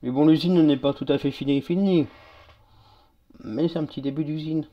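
A man's voice: a little high, moderate pace, lo-fi sound. A man streaming a game live, chatting casually with other players as he plays. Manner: relaxed, chatty, talks to other players and chat. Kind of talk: casual live-stream chat while playing.

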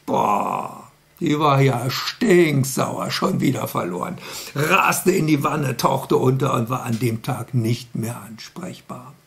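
Male children's storyteller: slow, gravelly, playful, addresses the kids directly. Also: medium pitch, animated. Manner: playful, chatty, asks the kids questions.

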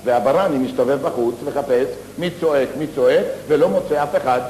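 A man telling comic stories on stage, in a lively theatrical monologue full of slangy asides. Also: medium pitch, a little hiss or hum. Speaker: stage comedian. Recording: echoey live theater hall recording.

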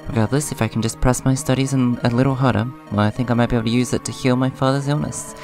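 Over clearly audible video game music, a man hosts a casual let's play in a hoarse, subdued voice of average pitch. He talks quickly with fairly even intonation, shifting between rambling commentary and reading the on-screen dialogue aloud. He's a gaming video host.

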